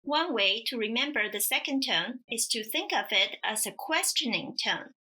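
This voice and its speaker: A woman teaching pronunciation in a scripted lesson, speaking slowly and carefully as she demonstrates. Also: fairly high pitch, animated, bright, forceful tone, breathy edge. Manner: slow, careful, demonstrative delivery. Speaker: language teacher.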